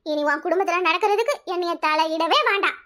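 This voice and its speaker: A woman's voice: extremely high pitch, fast, fairly bright tone. A woman voicing a sarcastic wounded sister. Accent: Kanyakumari Tamil. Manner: sarcastic, self-pitying.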